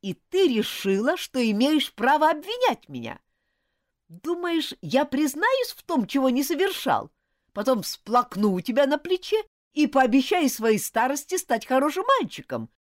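Lady voicing a cocky angry schoolboy, snappy and scornful, fairly high voice. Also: big pitch swings, normal speed, dry recording, studio quality. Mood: indignant. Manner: indignant, clipped, scornful. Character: hot-tempered proud schoolboy, scornful and defiant. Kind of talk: audiobook reading.

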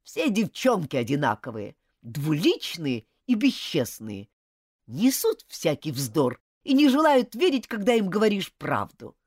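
A woman's voice: lowish voice, big pitch swings, a little slow, darkish tone, husky, no echo, studio quality, voice pushed up, heavily acted. A woman reading an audiobook, voicing a proud, hot-tempered schoolboy who talks in an indignant, clipped, scornful way. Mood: threatening.

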